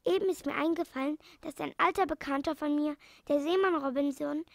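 A caring male animal doctor who talks gently and earnestly, read by a woman. The voice is high with a touch of fry. It is recorded close and dry. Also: fairly quick, no room sound. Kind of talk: storybook reading.

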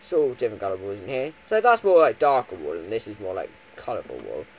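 Male gaming commentator, rambling and casual, lively swinging pitch, faint hiss on a home mic. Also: quick pace, rough recording. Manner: rambling, chatty, with lots of ums and self-corrections; swings from loud bursts to low mumbles. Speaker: gaming YouTuber. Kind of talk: Minecraft let's play commentary.

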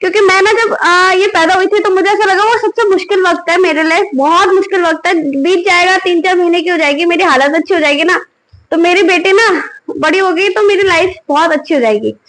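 A young mother with a high, light voice vlogs at home late at night. She is hungry and worn out and talks to the camera in a weary, frustrated way, recorded on a phone on a tripod. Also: fairly quick, a bit bright, low-quality recording. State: hungry and tired. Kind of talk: casual home vlog. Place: home bedroom and kitchen at night.

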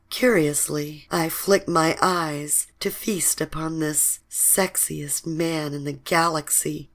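A woman narrating a first-person romance audiobook in an unhurried, breathy, sensual reading. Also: sits low.

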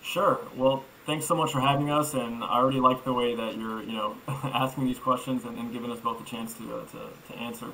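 A man's voice: mid-range voice, steady tone, brisk, bright, forceful tone, poor audio. A man in his thirties from Iraq, raised in Florida, answering interview questions fluently and upbeat over a video call. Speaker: guest developer. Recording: faint ambient noise.

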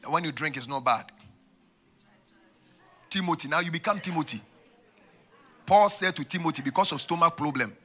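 A man in his forties with a West African accent and a husky voice, preaching and telling stories, repeating phrases for emphasis into a handheld microphone. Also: on the high side, lively intonation, normal speed, pauses often, bright, forceful tone. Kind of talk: sermon with storytelling. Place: large church auditorium, on stage.

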